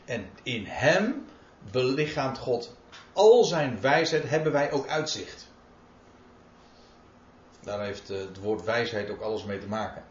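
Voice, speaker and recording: A man's voice: mid-range voice, big pitch swings, takes it slowly, slight background noise. A man preaching a sermon, reading out scripture verses and explaining them emphatically. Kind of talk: sermon, Bible exposition. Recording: roomy, dull lo-fi recording.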